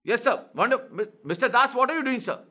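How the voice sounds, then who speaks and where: A man's voice: very high-pitched, animated, fast talker, pushed and bright, breathy edge, full character voice. A man with an Indian accent playing a pompous, self-important male news anchor who keeps calling his guests "sir" in a comedic spoof interview. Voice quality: pompous, formal. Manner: repeats "sir" constantly, lectures guests.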